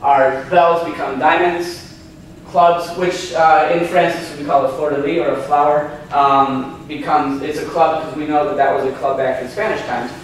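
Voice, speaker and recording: A man's voice: fairly high pitch, steady tone, moderate pace, slight background noise. A man in his thirties giving an informal slide lecture, chatty with many ums and restarts, asking the audience questions. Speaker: seminar presenter. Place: hotel meeting room, indoors. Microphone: far camera, no handheld mic. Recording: echoey room from far off.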